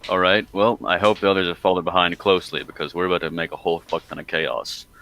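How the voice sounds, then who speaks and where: A man with a low voice and a bright, forceful edge, playing a cleric at a tabletop game. He chats casually, eager and joking. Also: fairly even intonation, fast, a little hiss or hum, rough recording. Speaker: player, cleric.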